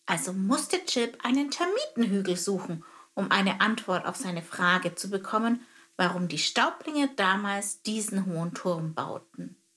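A woman reads a children's story aloud in a calm, even storytelling manner. Her voice sits at an ordinary middle pitch for a woman. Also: a little slow. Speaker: narrator. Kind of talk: scripted narration of a children's story.

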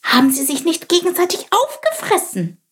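A woman voicing a curious, excitable little male sparrow who asks eager questions. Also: extremely high pitch, normal speed, voice pushed up, heavily acted.

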